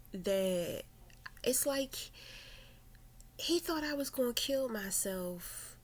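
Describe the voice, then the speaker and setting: Slow, reflective woman vlogger. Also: medium pitch, a little hiss or hum. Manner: reflective, halting, with many fillers and restarts. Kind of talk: personal confessional storytelling.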